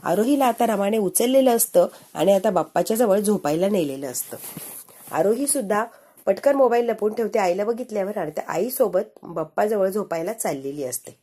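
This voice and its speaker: A woman with a mellow, slightly breathy voice tells the story of a TV episode casually, scene by scene. She retells what happens in the present tense and reads every character's lines herself. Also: mid-range voice, lively intonation, a little fast. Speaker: narrator of TV serial episode recaps.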